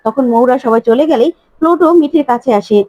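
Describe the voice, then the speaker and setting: High-voiced woman retelling a serial. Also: no echo, lo-fi sound. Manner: quick, animated retelling that slips into characters' lines. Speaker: storyteller recapping a TV serial. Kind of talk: casual retelling with acted quotes.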